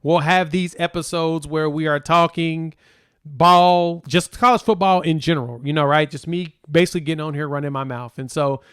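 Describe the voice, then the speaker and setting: A man's voice: fairly high pitch, normal speed, fairly bright tone, smooth, no room sound, studio quality. A young man hosting a casual solo sports talk podcast, chatty and rambling with a sing-song delivery. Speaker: podcast host.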